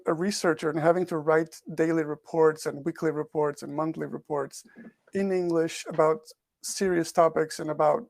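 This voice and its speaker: A fairly high, creaky, slightly mellow male voice comes through a dry recording. The speaker grew up in Portugal, speaks English as a second language, and is being interviewed on a podcast as an author and researcher. He answers thoughtfully, repeating words while working through ideas.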